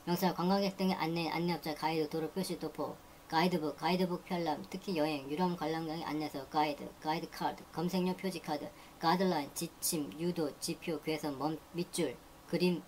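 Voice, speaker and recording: A low-pitched woman reads English vocabulary entries as a teacher, saying each word twice before running through its meanings. The pace is brisk and list-like. A faint hiss of noise sits under the voice. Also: steady tone, darkish tone. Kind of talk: reading dictionary entries aloud.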